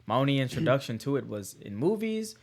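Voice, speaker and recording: A man's voice: medium pitch, very animated, fairly quick, gravelly. A man co-hosting a casual chat, enthusiastic and laid-back with slang. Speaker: podcast co-host.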